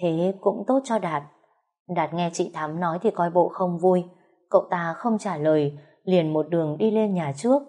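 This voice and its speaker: A woman narrating a first-person story in an even storytelling way. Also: on the low side, normal speed.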